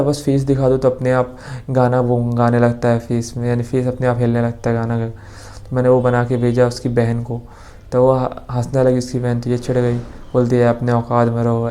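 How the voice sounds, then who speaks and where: A man's voice: medium pitch, dark tone. A young man casually telling a personal story, rambling with restarts and quoting dialogue. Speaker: vlogger.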